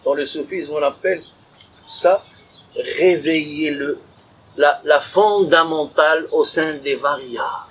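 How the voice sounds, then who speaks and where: Male conference speaker, slightly high voice, animated spiritual lecture with acted asides. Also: slow pace, slightly rough, poor audio. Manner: animated, acts out inner dialogues, calls listeners habibi.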